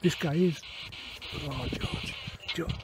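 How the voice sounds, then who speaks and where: A man's voice: a little high, slow pace. A man at a night vigil in a churchyard, coaxing the dead with repeated questions. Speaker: ghost hunter, video host. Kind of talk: night vigil, calling out to spirits. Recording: noisy outdoor phone recording.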